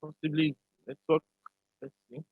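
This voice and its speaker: A man presenting an online workshop, his voice coming through glitchy call audio that keeps breaking up, pausing to check if he can be heard. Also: a little high, level tone, slightly rough, no echo. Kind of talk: live online tech lecture. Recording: tinny phone-like call line, dry.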